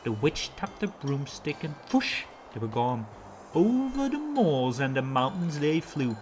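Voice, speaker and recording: A woman storyteller reading a children's story aloud in an animated narration style. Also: low-pitched, measured pace, slight background noise.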